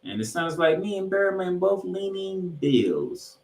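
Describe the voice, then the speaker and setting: A man's voice sits high and sing-song, a little slow and a little mellow. He co-hosts a sports podcast, emphatically previewing games with questions and repeated phrases for effect. The room sounds spacious and echoey.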